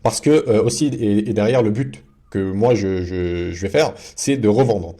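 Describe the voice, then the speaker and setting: Chatty low-voiced man with many fillers. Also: unhurried, mellow. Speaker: crypto video host. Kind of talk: casual screen-share tutorial.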